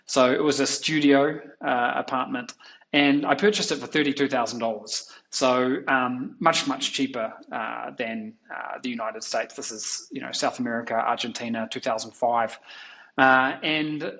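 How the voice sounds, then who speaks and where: A man in his thirties hosts a podcast in a mid-pitched voice. He chats easily and drifts into his own anecdotes between questions. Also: steady tone, moderate pace, gravelly, fairly bright tone, poor audio. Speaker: podcast host. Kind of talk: conversational interview.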